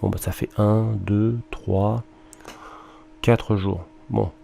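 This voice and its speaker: A man's voice: lowish voice, steady tone, very slow, vocal fry, warm tone, a little hiss or hum. A male music teacher with a French accent, talking students through a research worksheet and thinking aloud with fillers and mild exclamations. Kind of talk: screen-recorded lesson walkthrough.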